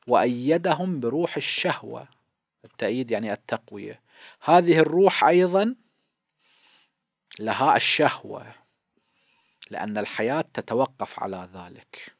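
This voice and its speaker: A man's voice: medium pitch, animated, normal speed, gravelly, pauses often, no echo. A man in his fifties with an Iraqi Arabic accent gives a religious lesson in a mid-range voice, explaining each point and asking questions he answers himself. The recording is dry and close, with little room sound. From Iraq. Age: 50s. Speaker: cleric teaching a seminary lesson.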